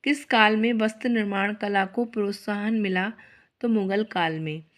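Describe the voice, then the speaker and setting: A woman's voice: mid-range voice, steady tone, moderate pace. A woman teacher giving an exam prep lesson, reading out each question and then answering it herself, after a chatty greeting to her viewers.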